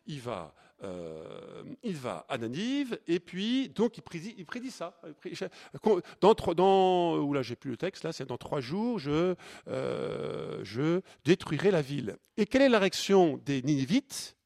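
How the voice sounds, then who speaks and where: Gravelly lively priest teaching informally. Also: male voice, on the high side, unhurried. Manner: conversational, many fillers and restarts, reads scripture aloud more forcefully. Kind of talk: informal Lenten teaching to a retreat audience.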